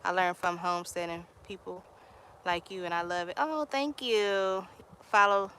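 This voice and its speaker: Her voice is on the low side, bright, pushed and smooth, moving at a moderate pace. She's a young woman from Texas with a Texan accent, casually chatting on a live stream in her outdoor garden, greeting viewers and telling stories in Southern slang.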